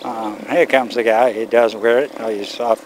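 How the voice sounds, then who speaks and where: Holding a camera on a selfie stick, an older Swedish man vlogs as he walks a rural road between rice fields, talking loosely and casually to his audience. His mid-range voice keeps a moderate pace but sounds strained from losing it, and the low-quality audio carries slight background noise.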